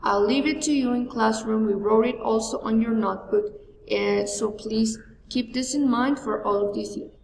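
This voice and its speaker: A woman teacher giving a bilingual grammar lesson, slow and deliberate, spelling out each example. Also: on the high side, creaky, a little mellow, a little hiss or hum. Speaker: English teacher. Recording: echoey room heard from far off.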